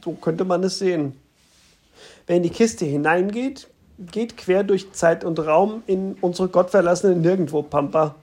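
A narrator voicing a calm, patient man who explains things steadily, in an audiobook reading. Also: mid-range voice, a little slow, lightly acted. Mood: explaining.

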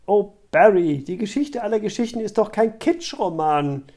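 A reader voicing a sharp-tongued, scornful schoolgirl in a storybook reading. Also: mid-range voice, lively intonation, normal speed, voice pushed up, close to an everyday voice.

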